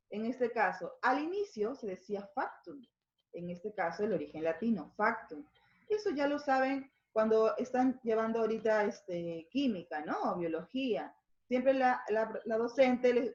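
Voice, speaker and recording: A woman's voice: a little high, echoey room, muffled recording. A woman with a Peruvian accent teaching a school language lesson, explaining step by step and checking in with her students. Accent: Peruvian Spanish. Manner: explanatory, checks in with frequent tag questions.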